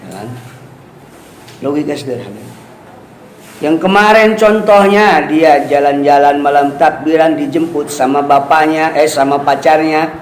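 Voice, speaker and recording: Male teacher, talking slowly and chattily to students; echoey room, faint background noise. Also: on the high side. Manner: chatty, asks "ya kan?" often, acts out quoted voices with laughs. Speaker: Islamic teacher giving a kitab study. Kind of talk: casual religious lesson to students.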